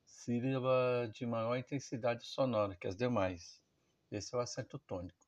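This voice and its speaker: Male music teacher, mid-pitched, patient explainer who keeps checking in. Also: normal speed, highs cut off. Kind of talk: instructional music lesson.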